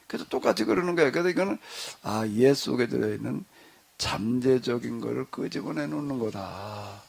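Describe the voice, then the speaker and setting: A middle-aged male pastor telling a story to his congregation in a relaxed, conversational way, acting out the dialogue as he goes. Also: mid-range voice, fairly quick, vocal fry, slightly rough. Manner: conversational, animated retelling with quoted dialogue. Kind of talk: storytelling in a church discussion.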